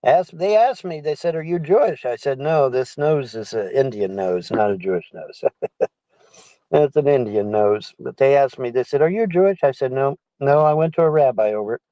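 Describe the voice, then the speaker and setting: A man's voice: medium pitch, lively intonation, moderate pace, mellow, no echo, lo-fi sound. A middle-aged man in a car, chatting casually to livestream viewers in a rambling, repetitive way. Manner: rambling, repeats phrases. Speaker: livestreamer reading and answering viewer chat. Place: inside a car.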